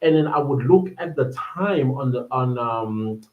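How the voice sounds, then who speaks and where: A South African man in his thirties hosts a solo podcast, drifting between points and reaching for words with plenty of ums and uhs. His voice sits at an ordinary middle pitch. The sound is roomy and a little muffled. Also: expressive, a little slow. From South Africa, Durban. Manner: rambling, searching for words with many fillers. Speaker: podcast host. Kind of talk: casual solo podcast monologue.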